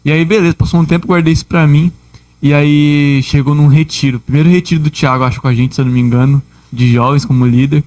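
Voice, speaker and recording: A Brazilian man co-hosting a podcast chats quickly in a relaxed, slangy way. His voice sits a little high for a man. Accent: Brazilian Portuguese. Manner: chatty, slangy storytelling. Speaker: podcast co-host. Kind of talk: casual chat.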